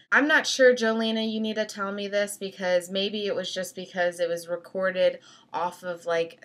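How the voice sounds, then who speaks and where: A young adult woman chatting casually as a video blogger, giving opinions in a slangy, emphatic, animated way with exasperated emphasis. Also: fairly low pitch. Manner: animated, acts out mock quotes. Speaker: video blogger reviewing film clips. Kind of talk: casual opinionated vlog chat.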